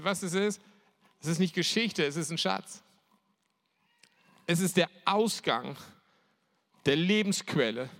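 A male preacher delivers his sermon to a church gathering, driving points home by repeating them. His voice sits high for a man and has a gravelly fry in it. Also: fairly bright tone. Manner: emphatic, repeats key phrases.

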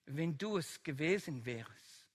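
A preacher giving a sermon, slow and emphatic, building to loud climaxes. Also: medium pitch, expressive, slightly rough.

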